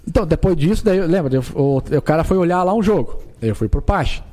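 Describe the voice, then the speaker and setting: A man with a Brazilian accent, a footballer guest telling a story in casual chat, animated and repetitive, acting out the dialogue. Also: a little high, a little fast.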